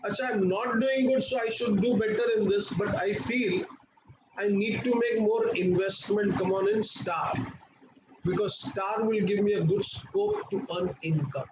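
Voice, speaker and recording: A man's voice: sits high, measured pace. A man with an Indian accent giving an online class lecture, repeating points in a didactic way and prompting students with questions. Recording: echoey room, muffled and noisy.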